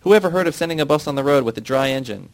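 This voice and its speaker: A man's voice: mid-range voice, big pitch swings, fast talker. A man doing a bellowing brutish foreman. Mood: furious. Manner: bellowing, shouting orders. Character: young bullying male depot foreman, dumb and ruthless.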